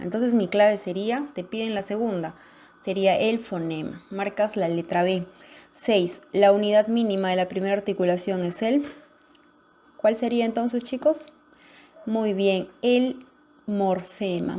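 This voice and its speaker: A woman's voice: medium pitch, dark tone. A woman teacher works through a practice worksheet, reading each question aloud. She asks the class for the answer and confirms it before moving on. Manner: questioning, pausing for answers, affirming "muy bien". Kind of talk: guided exam-practice lesson.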